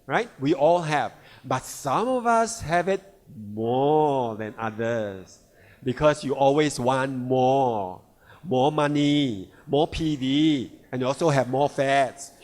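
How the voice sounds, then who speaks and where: A man's voice: mid-range voice, takes it slowly, a little mellow. A man presenting products at a seminar, emphatic, often checking "all right?" and repeating key words. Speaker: sales leader presenting products. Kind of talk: product seminar talk to a live audience. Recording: long hall reverb.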